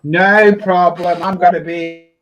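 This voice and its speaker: A man hosting a livestream, chatting in an offhand, relaxed way. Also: high-pitched, slow pace, muffled recording. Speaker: livestream host. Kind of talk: casual chat.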